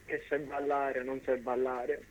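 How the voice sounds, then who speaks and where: A man's voice: mid-range voice, little pitch movement, unhurried, crowd noise, low-quality recording. A young man in his twenties calling in on speakerphone, trading playful teasing banter as a phone-in guest. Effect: on a speakerphone call. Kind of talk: casual chat.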